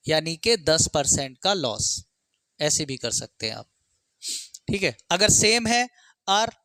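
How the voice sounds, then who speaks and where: A man teaches maths for an exam, working through problems step by step and mixing in English terms. He asks and answers his own questions and uses frequent check words in an instructional style. His high-pitched voice sounds pushed and bright with a clean tone, and the recording is dry.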